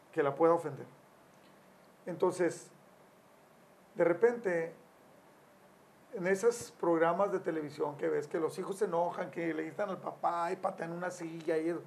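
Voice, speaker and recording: Gravelly older man telling family stories. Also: fairly high pitch, a little slow, pauses often, a little mellow. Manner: storytelling, acts out quotes with raised voice. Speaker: family counselor guest.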